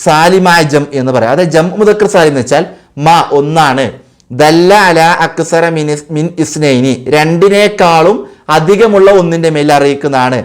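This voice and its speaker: A man's voice: a little high, moderate pace. Man, teacher, revision lesson, repeats terms, asks and answers himself. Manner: patient, repeats key terms, asks and answers own questions. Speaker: madrasa teacher.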